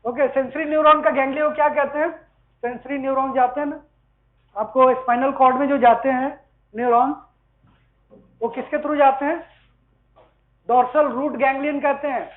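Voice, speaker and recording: High-voiced male lecturer, tinny recording. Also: steady tone, moderate pace, pauses often. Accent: Indian English. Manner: explains step by step, asks students rhetorical questions. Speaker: physiology lecturer. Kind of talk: classroom lecture mixing Hindi and English.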